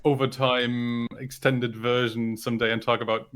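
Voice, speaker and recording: A man's voice: mid-range voice, level tone, normal speed, a bit bright. A man whose first language is German, co-hosting a podcast and chatting thoughtfully with some hesitation. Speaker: podcast co-host. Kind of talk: casual podcast chat.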